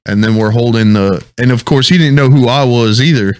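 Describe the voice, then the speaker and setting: A man casually telling an army training story in a relaxed, profane chat. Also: mid-range voice, brisk, slight background noise. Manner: laid-back, swears freely.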